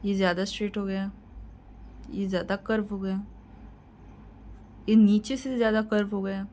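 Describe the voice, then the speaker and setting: A woman's voice: mid-range voice, fairly even intonation, normal speed, warm tone, poor audio. A woman teaching a shorthand lesson, explaining each point patiently and repeating key points to reassure her students. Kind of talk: tutorial lesson.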